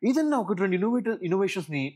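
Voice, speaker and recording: A man's voice: sits high, animated, racing, darkish tone, husky. A man with an Indian Telugu accent asking polite, curious interview questions, mixing Telugu with English. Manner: inquisitive, polite.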